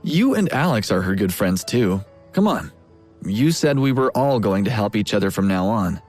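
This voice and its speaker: Man reading a caring young man; earnest, gently reassuring, lively pitch. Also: normal speed, faint music behind. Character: kind, protective young man.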